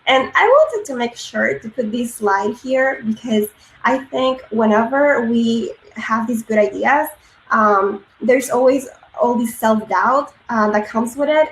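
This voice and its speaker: Peruvian-born woman giving a talk. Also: a little high. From Peru. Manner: frequent ums and uhs, earnest. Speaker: conference speaker. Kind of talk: presentation talk. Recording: echoey room with faint noise.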